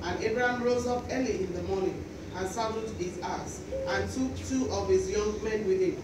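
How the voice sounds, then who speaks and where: A woman reads a scripture passage aloud at a steady pace. She sits far from the mic in a small church hall, and her voice echoes heavily through the room over a noisy background. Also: medium pitch, moderate pace. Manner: steady reading of old-style English verse. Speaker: scripture reader.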